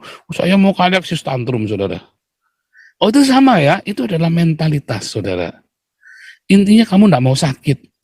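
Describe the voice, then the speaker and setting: Animated preacher with a dry sound. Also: male voice, fairly high pitch, dry recording. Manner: animated, addresses listeners as "Saudara", acts out complainers in mocking voices. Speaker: pastor. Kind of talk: sermon.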